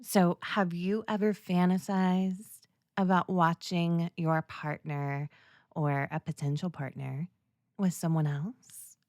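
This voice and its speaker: Slow-paced, lower-voiced woman podcaster. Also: steady tone, darkish tone, no echo, clean studio sound. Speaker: podcast host. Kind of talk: solo podcast monologue, conversational explainer.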